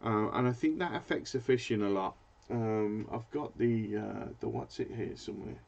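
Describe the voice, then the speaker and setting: A British man hosting a fishing channel chats casually during a live stream, rambling and hesitating as he searches for words. His voice is fairly low, gravelly, and a little mellow at normal speed, recorded with dull lo-fi sound.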